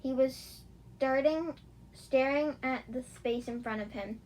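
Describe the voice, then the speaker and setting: A woman reads a first-person fan fiction story aloud in a relaxed, casual way, now and then stumbling and correcting herself. Her voice sits on the higher side, and a faint hiss of noise sits behind it. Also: slow pace, rough recording. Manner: casual reading with small slips. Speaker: narrator.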